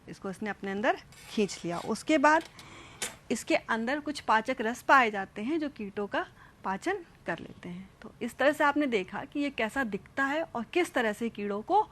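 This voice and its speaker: A woman's voice: fairly high pitch, fairly bright tone. Hindi-speaking woman teaching children science. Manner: addresses children directly, repeats and demonstrates step by step. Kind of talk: classroom science lesson with demonstrations.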